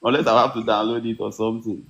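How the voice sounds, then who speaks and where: A man's voice: lowish voice, little pitch movement, quick pace, gravelly, a bit bright, lo-fi sound. Male caller, hesitant and unsure, trails off mid-thought, asking an investment coach for help. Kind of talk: call-in question.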